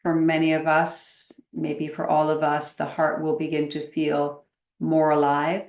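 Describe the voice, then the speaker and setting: Speaking with a deep voice and a completely flat delivery, a woman meditation teacher guides listeners softly and slowly. Long pauses punctuate her words in an echoey, roomy recording.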